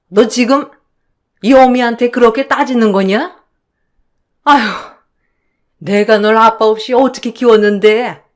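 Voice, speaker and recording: A woman voicing a bossy, self-pitying middle-aged mother-in-law who yells and nags in a radio story. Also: a little high, natural voice. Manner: yelling, nagging, sighing.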